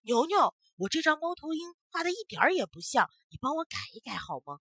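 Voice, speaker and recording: A woman doing a little boy, whiny and high. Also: big pitch swings, fairly quick, fairly bright tone, no echo, clean studio sound, heavily acted. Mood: eager. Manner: pleading, whiny. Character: little boy, earnest then crybaby.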